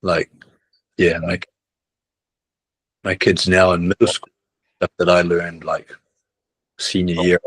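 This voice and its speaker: A casual interview captures a middle-aged basketball coach from New Zealand who rambles, restarts a lot and finishes with "right?". His low-pitched voice has a fairly bright tone and a breathy edge, and the poor audio has no room sound.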